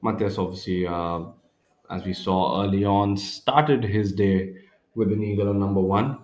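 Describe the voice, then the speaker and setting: A man working as a golf commentator, calling tournament play live in a measured manner with pauses. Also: deep voice, fairly even intonation, a little mellow. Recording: roomy, echoing sound.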